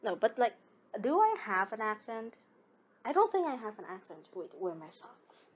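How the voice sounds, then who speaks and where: A young woman streaming in English, not her first language, chats casually through viewer comments with plenty of giggles, rambling, and self-corrected restarts. Her slightly rough voice is a little high and very animated, at a moderate pace, on lo-fi audio.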